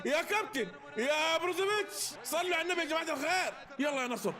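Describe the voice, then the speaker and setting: Fast, very high-voiced fan. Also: male voice, expressive, a faint crowd. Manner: shouting praise, commentating plays. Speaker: football fan youtuber reacting live. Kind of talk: live match reaction.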